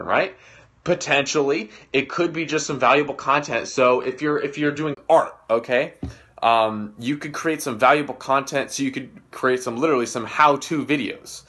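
A young man leads a casual livestream lesson from a whiteboard, his voice in a middling pitch. He talks with loose, slangy energy and slips into short acted-out exchanges. The sound comes from a phone camera set a little way off in an indoor room. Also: moderate pace. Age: young adult. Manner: energetic, slangy, gesturing, acts out little dialogues. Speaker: livestream host teaching marketing. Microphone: phone camera at a distance.

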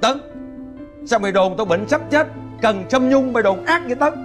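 A man's voice: extremely high pitch, expressive, normal speed. An actor playing an indignant father who denies being ill, with guitar music behind. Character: older father denying illness, indignant.

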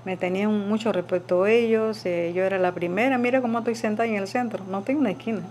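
An older woman from Panama speaks in a deliberate, halting way, stopping now and then to search for words. Her voice sits at an ordinary pitch. The interview was recorded outdoors with clear background noise. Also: darkish tone. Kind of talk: interview testimony. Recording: noisy field recording.

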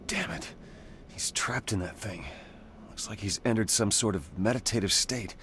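A man's voice: on the low side, lively intonation, moderate pace, fairly bright tone, a little hiss or hum. An actor playing an earnest, determined young male superhero sidekick in a video game, serious and urgent. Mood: grim, urgent.

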